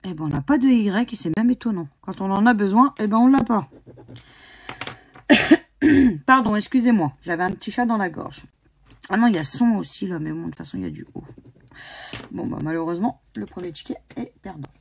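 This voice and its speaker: A woman's voice: mid-range voice, animated, brisk, long pauses, slight background noise. A woman from France chatting casually as she scratches lottery tickets, spelling out letters one by one with many hesitations. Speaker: scratch-card YouTuber. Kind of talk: casual commentary while playing scratch cards.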